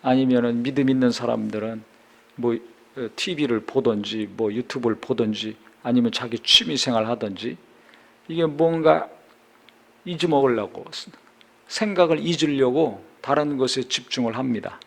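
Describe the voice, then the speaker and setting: A man's voice: mid-range voice, moderate pace, vocal fry. A middle-aged male pastor reading scripture and then preaching a sermon, posing questions and answering them.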